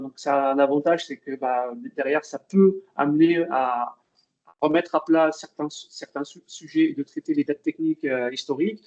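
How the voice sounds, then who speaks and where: Guy presenting a tech webinar, stops and restarts a lot, higher voice but mellow, kinda dull lo-fi sound. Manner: hesitant, many fillers and restarts.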